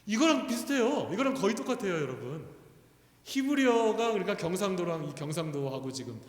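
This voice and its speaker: A man preaching a sermon as pastor, often asking the congregation questions and building to loud, fervent calls. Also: sits high, very animated, a little fast. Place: church sanctuary. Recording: echoey church hall.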